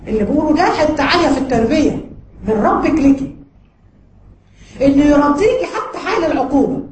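Fast-talking Egyptian woman preaching. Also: high-pitched. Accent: Egyptian Arabic. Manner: lively, acts out quoted voices, frequent light laughs. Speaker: religious teacher. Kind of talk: religious lesson to women. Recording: roomy with ambient noise.

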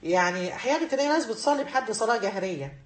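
A woman's voice: on the high side, lively intonation, rapid-fire. An Egyptian woman teaches a religious lesson to women at a racing clip, pressing her points with emphatic repetition. Her voice rings in an echoey room. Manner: emphatic, repeats key phrases.

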